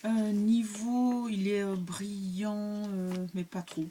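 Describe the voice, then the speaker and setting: A woman's voice: medium pitch, flat delivery, slow, warm tone, a little hiss or hum. A woman hosting her own cartomancy channel, reviewing a card deck in casual chat, hesitant with many fillers and restarts.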